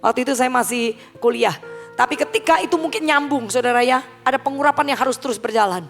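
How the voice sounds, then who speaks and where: A woman's voice: high voice, quick pace, faint music behind. A middle-aged woman evangelist with an Indonesian accent, giving a storytelling sermon testimony to a congregation. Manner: storytelling, addresses congregation as saudara. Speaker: evangelist preacher.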